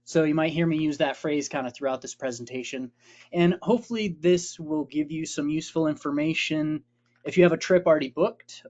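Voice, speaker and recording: A man in his late thirties, an expedition leader giving an informal webinar presentation, relaxed and friendly, with many fillers. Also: on the high side, lo-fi sound. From Vermont.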